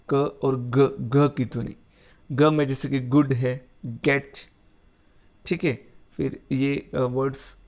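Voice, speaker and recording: A man with an Indian accent teaches a phonetics lesson, going over the same points again and again in a patient, steady way. His voice sits a little high for a man, and he mixes English terms freely into his explanations. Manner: repetitive, patient explaining in Hindi mixed with English words. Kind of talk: classroom-style lesson.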